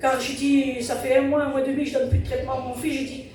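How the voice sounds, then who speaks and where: A woman's voice: high voice, little pitch movement, fast talker, a little mellow, a little hiss or hum. Woman, church testimony, earnest repetitive retelling, far from the mic, heavy hall echo. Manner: earnest retelling, constantly repeating "I said" and "he said". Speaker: church member giving testimony. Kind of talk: spoken testimony at a church service. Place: church hall during a service. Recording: very echoey hall, distant mic, music behind.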